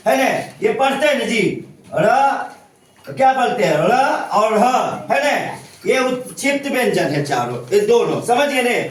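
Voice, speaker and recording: A male teacher with a very high voice leads a classroom grammar lesson. He keeps asking the students questions and checks again and again that they understand. He is picked up from far off in a very echoey room. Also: a little hiss or hum.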